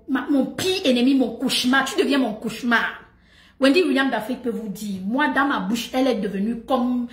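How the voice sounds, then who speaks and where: Woman, middle-aged, live streamer, emphatic gossip monologue, repetitive, laughs often, a bit high-pitched. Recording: roomy echo.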